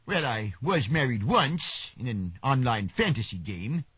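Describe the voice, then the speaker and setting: A pompous, self-important comic shop nerd from an animated sitcom. His voice is husky and breathy, with a droll, lofty delivery and a lively rise and fall. The clip sounds dull and lo-fi. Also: medium pitch, unhurried, no echo, full character voice. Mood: deadpan. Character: pompous nerdy middle-aged male comic shop owner.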